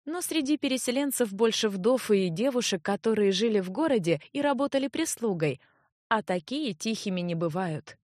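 A woman's voice: medium pitch, lively intonation, normal speed, darkish tone, no room sound, studio quality, lightly acted. A woman voicing a practical woman herbalist in an audiobook, speaking in a matter-of-fact, instructing way. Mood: instructive.

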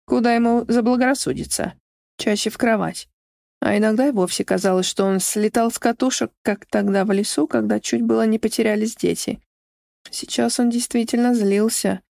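A woman narrates a novel aloud from a script at a moderate pace, her fairly high voice a bit creaky. The dry, close recording has no room around it. Her storytelling is expressive, and she shifts into shrill character voices.

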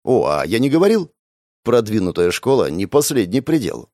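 A man narrating a first-person audiobook in an expressive, wry manner, voicing all the characters. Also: lowish voice, moderate pace, no room sound, clean studio sound.

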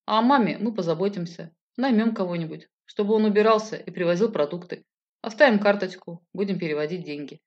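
An emotional grown man, rushing through heated, pleading lines, as a woman reader puts him on. The pitch sits mid-range, and the recording sounds slightly muffled and lo-fi. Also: a little mellow, close to an everyday voice. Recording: slightly dull lo-fi audio.

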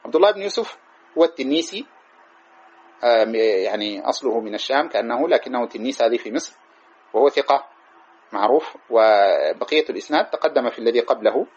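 A man teaching a religious lesson, retelling old narrations with quoted speech in a lively storytelling way. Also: medium pitch, fairly quick, long pauses, husky, lo-fi sound. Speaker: hadith teacher. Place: live-streamed lesson session.

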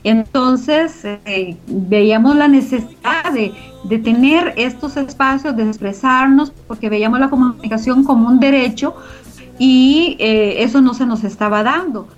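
A middle-aged woman, the founder of an organization, appears as an interview guest and gives reflective, explanatory answers. Her voice is on the high side and a little slow, with the highs cut off and soft music in the background.

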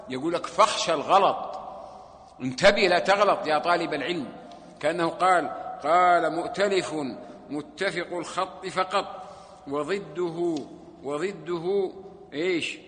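A man's voice: a little high, bright, forceful tone. A man teaching a mosque class, often stopping to quiz students and restarting words. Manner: keeps asking students check questions, many stuttered restarts. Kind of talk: mosque lesson on hadith terms. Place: mosque hall. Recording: reverberant mosque hall.

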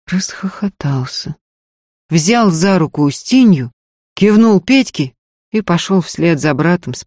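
A woman narrating an audiobook in a steady storytelling voice. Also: on the low side, breathy edge, no echo, studio quality. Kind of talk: scripted narration.

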